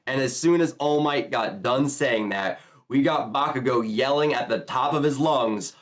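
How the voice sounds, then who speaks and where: A man's voice: medium pitch, moderate pace, very noisy. A man making an enthusiastic, chatty reaction commentary on a manga chapter.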